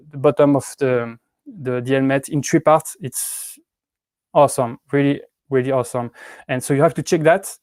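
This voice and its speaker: A man's voice: mid-range voice, vocal fry, darkish tone, dry recording, clean studio sound. A man in his thirties from Switzerland with a French accent, chatting casually on a livestream, hesitant with many restarts and fillers. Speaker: YouTube prop-making channel host. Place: indoors at home with cats.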